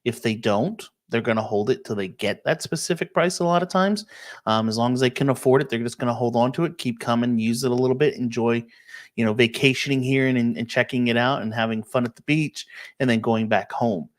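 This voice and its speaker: Speaking briskly in a medium pitch, a real estate agent runs a relaxed live stream of property listings. He answers questions from viewers in an explanatory way, peppering his talk with "um" and repeatedly asking "okay?"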